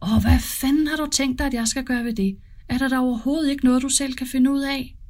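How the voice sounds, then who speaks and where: A woman's voice: on the high side, a little mellow. A woman voicing a volatile mother who harshly scolds her young son. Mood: furious.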